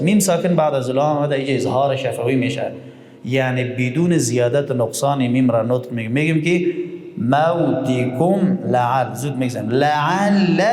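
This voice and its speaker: A man teaching Quran recitation, explaining rules and chanting verses slowly. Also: medium pitch, darkish tone. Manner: explains slowly, then chants verses in long drawn-out tones. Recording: echoey room with long reverb.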